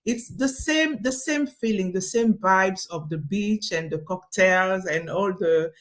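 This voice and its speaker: This woman from Congo, a French native speaker, talks at a medium pitch without rushing. Appearing as an interview guest over video call, she runs an online business and keeps the casual conversation chatty, laughing often and full of fillers and false starts.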